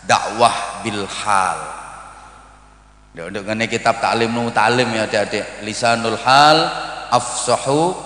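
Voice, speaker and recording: Brief: middle-aged East Javanese man preaching live, playful and animated, long hall reverb. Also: lowish voice, slow, pauses often. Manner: lively, mixes Javanese asides, acts out greetings in varied voices. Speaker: Islamic preacher. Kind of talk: humorous sermon to students. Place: large hall at a boarding school event. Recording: echoey hall, live sermon.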